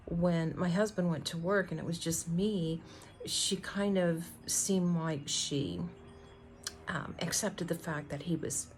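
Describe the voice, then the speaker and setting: Low-voiced woman chatting, noisy outdoor recording. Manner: rambling, conversational, with trailing pauses. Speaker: vlogger. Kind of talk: casual chat to camera. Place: outdoors on a small front porch. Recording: noticeable outdoor background noise. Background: outdoor ambience.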